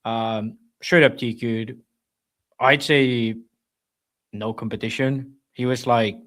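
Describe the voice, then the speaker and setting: A man co-hosting a casual podcast, methodically running through race results with many ums. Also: medium pitch. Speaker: podcast co-host.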